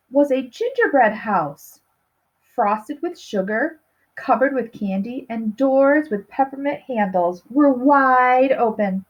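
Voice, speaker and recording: Reading a picture book to young children, a high-pitched woman draws out important words with expression and poses questions to her audience. The audio is dull.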